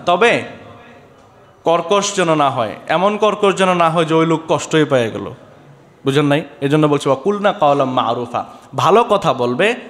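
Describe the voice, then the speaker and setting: A man's voice: fairly high pitch, fairly bright tone, in a large hall. A man preaching a sermon on a microphone, exhorting his listeners and asking them rhetorical questions.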